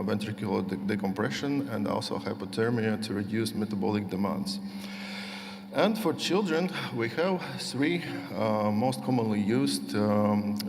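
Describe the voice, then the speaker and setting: A middle-aged man from Latvia giving a conference lecture, speaking haltingly with many fillers and restarts. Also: on the low side, gravelly. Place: large conference hall. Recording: long hall reverb.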